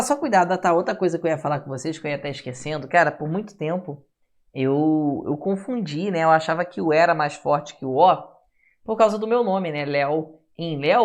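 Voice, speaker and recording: Lively Brazilian man teaching a class. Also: on the high side. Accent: Brazilian Portuguese. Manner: lively, keeps checking in with the class with tag questions; sounds out syllables to demonstrate. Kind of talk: classroom lecture.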